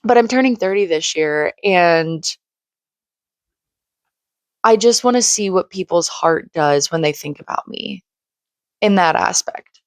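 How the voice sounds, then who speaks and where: Late-20s woman vlogging at home, says like a lot, voice a little crackly, lowish, dry. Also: animated, a little slow, long pauses, no echo. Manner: rambling, heavy use of "like", earnest. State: slightly crackly voice from screaming. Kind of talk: casual personal monologue. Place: home room by a shared wall.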